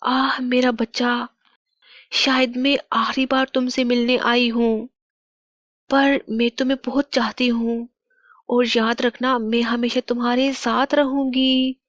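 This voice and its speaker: A woman voicing a loving, devoted young queen in a cartoon storybook, soft-spoken and tender. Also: a little high, little pitch movement, slow pace, dry recording, lo-fi sound, pitched above the performer's own voice.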